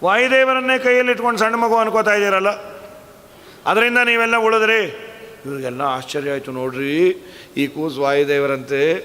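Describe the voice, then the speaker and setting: A man telling a devotional story in conversational speech and breaking into slow, melodic chanting of verses. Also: high voice, pushed and bright, long reverb tail. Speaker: religious scholar and storyteller.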